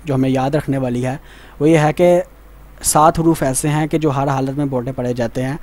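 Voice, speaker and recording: A man teaching a Quran reading lesson, patient, repeating points and asking checking questions, saying Arabic letters slowly and carefully. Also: medium pitch, fairly even intonation, a little mellow.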